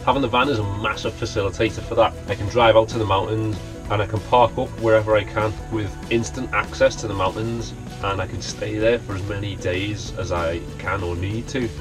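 A man's voice: lowish voice, fairly even intonation, a little fast, music in the background. A man in his thirties with a Liverpool accent, chattily showing his camper van and explaining each feature as he points it out. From Liverpool, England. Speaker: van dweller giving a van tour. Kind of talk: casual vlog tour narration. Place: inside a small wooden camper van. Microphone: handheld action camera close up.

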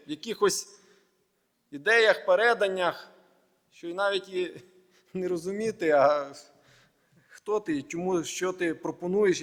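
A man pastor giving a sermon, preaching in measured short phrases and building emphatic lists. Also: high voice, a bit bright. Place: church hall. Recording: long reverb of a large hall.

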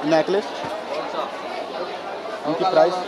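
A man's voice: a little high, flat delivery. Young man vlogging in a noisy market. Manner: asks prices quickly, repeats himself. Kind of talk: market vlog, bargaining with sellers. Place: crowded outdoor market street. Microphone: handheld camera held close. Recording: loud crowded street noise. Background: loud crowd and street noise.

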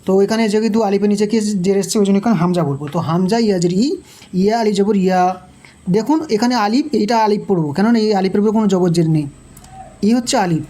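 A woman teaching Quran recitation, patiently spelling out syllables, repeating each one, and chanting verses slowly. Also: mid-range voice, mellow. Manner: slow melodic chanted recitation.

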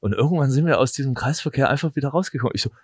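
A man's voice: medium pitch, very fast, breathy edge, dry recording. A man in his thirties telling anecdotes in a casual, colloquial way as a morning radio podcast host, speaking into a close handheld microphone. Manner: animated storytelling, colloquial. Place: small radio studio on a sofa, indoors. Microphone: handheld microphone held close.

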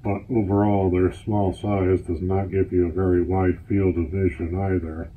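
A man talking through a gas mask, explaining in a plain, matter-of-fact way, his voice husky. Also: sits low, little pitch movement, normal speed. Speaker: gas mask collector reviewing gear. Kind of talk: casual product overview. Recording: tinny, phone-like lo-fi sound.

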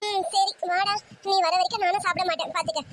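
A woman's voice: very high voice, fairly even intonation, quick pace, fairly bright tone, a little hiss or hum. A woman as a fussy insistent mother. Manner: insistent, scolding. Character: fussy middle-aged mother calling her son. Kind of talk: amateur audio romance story.

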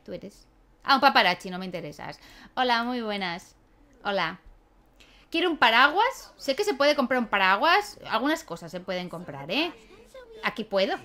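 Here a gaming YouTuber, a young woman, does casual let's-play commentary of a life-sim game, bantering with her characters and laughing a lot. Her voice sits on the high side and sounds pushed and bright.

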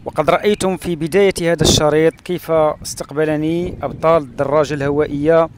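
A man from Morocco narrating his travels along a rural road and through a palm oasis, pausing often with "uh" fillers. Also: on the high side, steady tone, background noise. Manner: hesitant, with frequent "uh" fillers and pauses. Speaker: travel vlogger.

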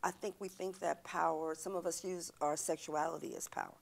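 Gravelly-voiced woman guest, emphatic. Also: sits low, a little fast. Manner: emphatic, animated storytelling with hand gestures. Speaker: guest speaker, professor. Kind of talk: church ministry interview. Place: church TV studio set, seated on stage. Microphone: lapel.

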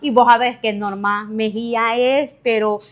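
A woman's voice: fairly high pitch, steady tone, a little slow, over a noisy crowd. A woman playing a coaxing, sweet-talking wife in a comic sketch.

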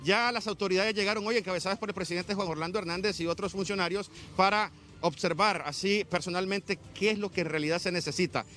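A male field reporter with a high, light voice speaks in a formal, measured broadcast cadence. He is outdoors at night holding a handheld mic, with faint music running underneath. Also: steady tone, pushed and bright. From Honduras. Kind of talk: live news report. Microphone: handheld microphone.

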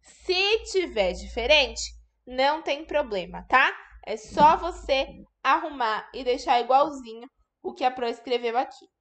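A woman's voice: high voice, lively intonation, unhurried, a bit bright. A woman teaching a remote lesson to young children, patiently sounding out words syllable by syllable. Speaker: primary school teacher.

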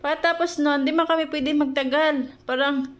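High-pitched and steady at a moderate pace, a young pregnant vlogger chats casually with her viewers. She rambles and hunts for words, dropping in lots of fillers, and sounds a little short of breath.

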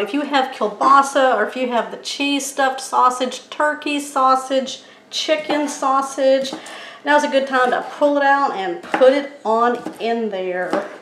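A woman's voice: high-pitched, fairly bright tone, slight background noise. A woman hosting a home cooking demonstration, talking step by step and savoring the food as she tastes it. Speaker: cooking channel host. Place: home kitchen. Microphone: camera framed on hands and countertop. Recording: roomy kitchen with faint music.

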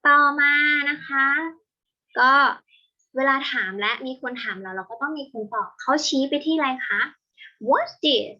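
A young woman teaching an English vocabulary lesson, explaining patiently step by step and slowing down on each English word. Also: high-pitched, expressive, pushed and bright. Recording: dull lo-fi home recording.

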